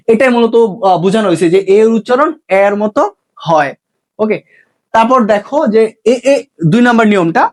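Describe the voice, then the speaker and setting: A man teaching an exam-prep lesson, repeating each rule slowly and checking in with his students. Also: high voice.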